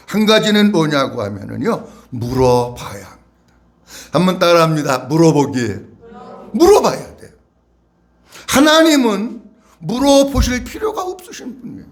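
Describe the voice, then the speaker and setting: A male pastor preaching a sermon in a church, asking the congregation to repeat after him and acting out questions in a slow, drawn-out voice. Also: fairly high pitch. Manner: acts out God's questions in a slow voice. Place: church sanctuary.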